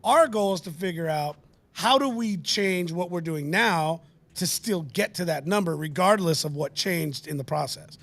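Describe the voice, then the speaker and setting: A man's voice: sits high, animated, moderate pace, creaky, fairly bright tone, dry recording. A male podcast host chatting with his guest, enthusiastic and affirming. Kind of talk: podcast chat.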